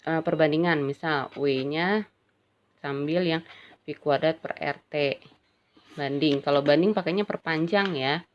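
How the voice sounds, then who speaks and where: A woman's voice: deep voice, a bit bright. A woman physics teacher gives a casual classroom lecture, chatty and checking in with her students often. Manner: chatty, addresses students as "Nak", frequent "ya kan". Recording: dull lo-fi recording with faint ambient noise.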